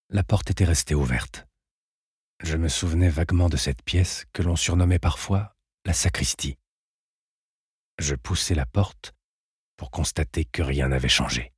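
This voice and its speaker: A man narrating a novel in the first person as an audiobook, in a measured, sober manner. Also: rumbling low, breathy edge, no room sound, clean studio sound.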